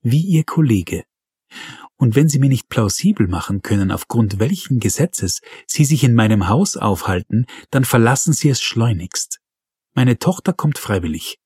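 A man's voice: fairly low pitch, lively intonation, measured pace, dark tone, husky, dry recording, studio quality. A man reading a furious defiant mother.

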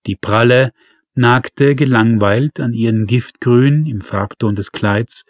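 A man narrating a crime novel in a measured, wry way. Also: mid-range voice, no echo, studio quality. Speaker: audiobook narrator.

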